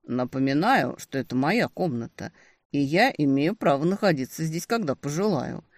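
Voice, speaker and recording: A woman's voice: low-pitched, animated, moderate pace, no room sound. A woman playing a cocky, possessive male demon in an audiobook, in a mocking, smug tone close to her own voice.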